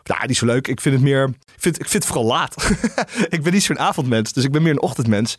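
A man's voice: medium pitch, animated, fairly quick, husky, no echo, studio quality. A man speaking as a podcast guest in casual chat, hesitant with many restarts. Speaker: podcast guest, tech journalist.

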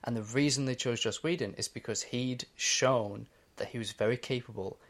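A man's voice: medium pitch, normal speed, fairly bright tone. A man co-hosting a podcast in casual chat, explaining his views at length with many "you know"s. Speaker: podcast co-host.

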